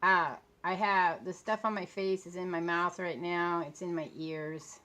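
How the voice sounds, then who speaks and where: A woman in her late fifties with a fairly low voice, chatting in a loose, rambling way. She sounds tired and under the weather with a sore throat, and her words come out a little off because of a swollen lip. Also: fairly even intonation, measured pace, bright, forceful tone. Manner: talking a bit funny from a swollen mouth. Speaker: vlogger talking about books and authors. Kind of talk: casual rambling chat.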